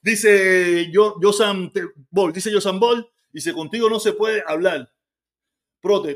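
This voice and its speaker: A man from Cuba with a Cuban accent, hosting a casual livestream and answering viewer comments in a heated, argumentative way. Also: high voice. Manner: heated and argumentative, talks fast and repeats himself. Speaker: livestream host.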